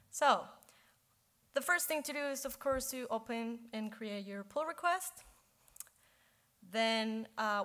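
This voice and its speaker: A woman in her thirties giving an informal lightning talk on stage, conversational and casual. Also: a little high. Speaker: software engineer, conference speaker. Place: conference stage in a hall.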